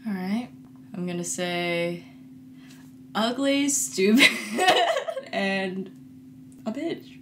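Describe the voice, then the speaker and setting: A young adult woman hosts a casual chat, telling her stories in a loose, rambling way and breaking into giggles often. Her voice sits at an ordinary pitch for a woman, with a faint background hiss. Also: very animated, extremely slow, pauses often. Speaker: host.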